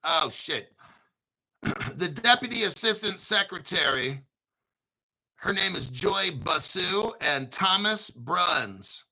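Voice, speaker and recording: Sharp, gravelly, high-pitched excitable man. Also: slow, low-quality recording. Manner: excitable, swearing, sarcastic asides; frequent throat clearing. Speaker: crypto video host. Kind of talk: informal commentary reading through articles.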